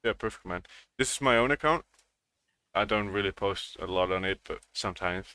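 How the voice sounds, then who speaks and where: A man's voice: lowish voice, fairly quick, pushed and bright, clear, resonant tone, dry recording. A man hosting a live trading stream, chatting casually with callers and saying "you know" a lot. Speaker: livestream host. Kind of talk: casual chat.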